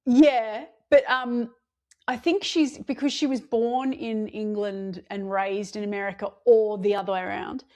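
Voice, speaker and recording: A woman's voice: medium pitch, steady tone, darkish tone. Chatty woman co-hosting. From Australia. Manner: chatty, quick asides, self-mocking. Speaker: podcast co-host. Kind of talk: casual chat. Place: home or work, remote recording.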